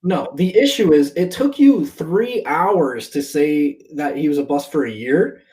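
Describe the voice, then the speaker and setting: Canadian young dude on stream, voice jumps all over, pushy and chatty. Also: male voice, on the high side, a little slow, poor audio. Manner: lively, insistent, bantering. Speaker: co-host. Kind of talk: casual live-stream chat.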